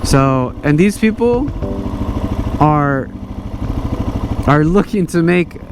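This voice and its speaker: Higher-voiced man talking inside a motorcycle helmet. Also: expressive, takes it slowly. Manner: speaking inside a motorcycle helmet while riding. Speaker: motovlogger. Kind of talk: casual advice monologue to viewers. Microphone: mic inside helmet. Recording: helmet mic with clear road and engine noise. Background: motorcycle and traffic noise.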